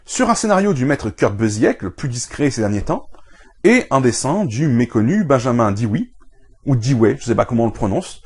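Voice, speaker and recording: A man's voice: fairly high pitch, a little mellow, husky. A man presenting a scripted comic book review show, giving enthusiastic recommendations.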